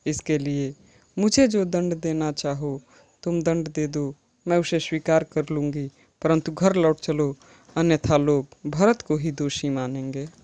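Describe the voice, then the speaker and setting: A woman's voice: low voice, steady tone, unhurried, warm tone. A woman teacher reciting lines of verse and then explaining them plainly to her students. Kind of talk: Hindi poetry lesson explanation.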